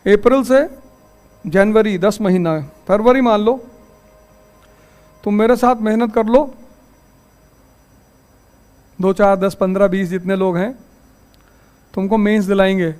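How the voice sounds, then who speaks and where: A man lectures his students in a high-pitched voice, moving from wry anecdotes to pointed rhetorical questions. When he sets the rules of his class, he turns firm and commanding. It has the tone of a motivational classroom talk. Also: takes it slowly, pauses often, a little mellow, smooth. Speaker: teacher addressing a class.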